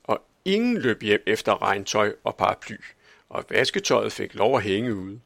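A man reads a children's story aloud in calm, measured audiobook narration. His mid-range voice has a gravelly texture, and the recording is dry and close. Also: on the low side, no room sound.

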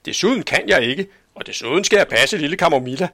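A man voicing a grumpy, strict older spinster aunt in a storybook reading, sharp and scolding. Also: fairly high pitch, expressive, pitched above the performer's own voice, full character voice.

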